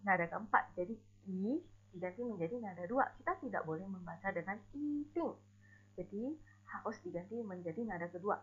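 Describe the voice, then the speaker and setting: Woman teacher, breathy voice, patient step-by-step class explanation, muffled recording. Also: mid-range voice, fairly bright tone. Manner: slow, deliberate explanations with spoken examples. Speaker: Mandarin teacher. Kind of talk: recorded online class lesson. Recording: dull lo-fi recording.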